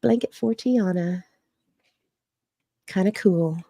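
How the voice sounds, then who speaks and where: A woman co-hosting a podcast in relaxed, casual chat, with quick asides and easy laughter over a video call. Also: mid-range voice, creaky, no echo. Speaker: podcast co-host. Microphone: streamed video call.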